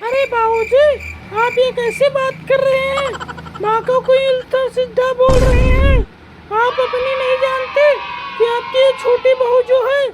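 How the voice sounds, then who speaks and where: An indignant elder daughter-in-law in a cartoon comedy, voiced by a woman accuses and complains in a very high, flat voice. Loud background noise is heard. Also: slow pace. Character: elder daughter-in-law, indignant, takes mother-in-law's side. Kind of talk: cartoon voice acting.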